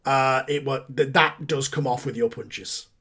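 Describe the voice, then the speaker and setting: A man running a tabletop wrestling game as game master, thinking aloud in halting, relaxed phrases. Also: medium pitch, husky.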